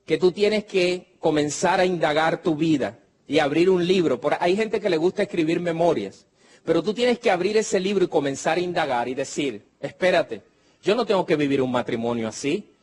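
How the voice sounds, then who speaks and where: Husky-voiced man preaching a sermon. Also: a little high. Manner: swings from slow emphatic declarations to shouted proclamations; conversational storytelling, acting out other people's words.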